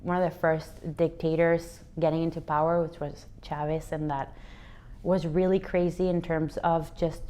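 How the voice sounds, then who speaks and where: A Venezuelan woman with a low voice and dark tone recounts her story as an interview guest; she is an athlete and fitness educator. Answering in a relaxed interview, she sounds earnest and reflective, with frequent restarts.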